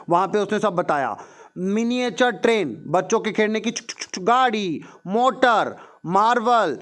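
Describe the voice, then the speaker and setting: A male teacher who reads English lines slowly and then explains them in quick, chatty Hindi, addressing students fondly. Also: high voice. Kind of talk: explaining a textbook chapter.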